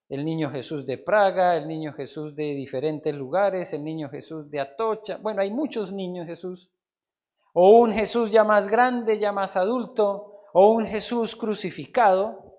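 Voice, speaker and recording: A Colombian pastor delivers a sermon in a church, his voice sitting high for a man. He preaches with drama, dropping to soft asides and then rising to loud, emphatic declarations.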